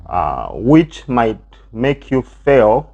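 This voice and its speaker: A man's voice: mid-range voice, sing-song, very slow, a little mellow. A man co-hosting a casual chat, talking easily with frequent fillers and prompting his partner. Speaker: channel co-host. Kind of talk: casual chat about visa steps. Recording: dull lo-fi sound.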